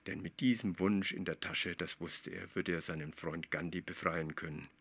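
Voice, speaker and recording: A man reads a children's story in a soft, lowered voice, sometimes dropping almost to a whisper. His tone is low-pitched yet bright and forceful. The sound is dry and close. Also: dry recording. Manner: soft, hushed narration. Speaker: author reading his own story. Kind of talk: storybook reading.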